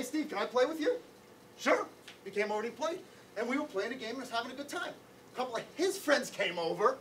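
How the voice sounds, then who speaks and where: Man telling a story from afar. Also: high voice. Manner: animated, conversational, full of "like". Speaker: anti-bullying educator. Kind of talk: personal storytelling to children. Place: classroom or school hall. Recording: distant mic, faint room noise.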